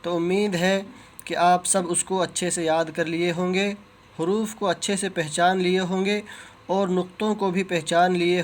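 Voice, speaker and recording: A man teaching Quran reading, who pronounces letters slowly and carefully and explains each sound in plain, patient speech. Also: high voice. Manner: drawn-out, careful letter recitation with pauses. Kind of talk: slow teaching of Arabic letter pronunciation.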